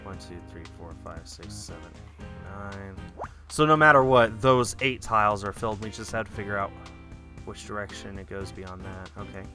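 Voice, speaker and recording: A man's voice: fairly low pitch, normal speed. A man giving casual live commentary on a game stream, thinking aloud and muttering as he works. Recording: loud game music behind.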